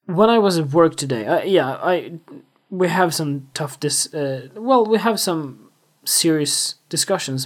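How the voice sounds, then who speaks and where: Young male host, casual and self-reflective solo talk. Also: fairly high pitch. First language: Swedish. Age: 20s. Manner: rambling, self-reflective, full of fillers. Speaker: podcast host.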